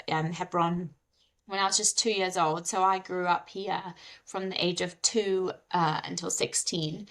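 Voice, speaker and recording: A woman in her thirties, a guest talking frankly and loosely about her life. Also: lowish voice. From Wales. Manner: frank, relaxed, rambling with fillers. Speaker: podcast guest, dorm parent and teacher. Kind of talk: casual interview chat.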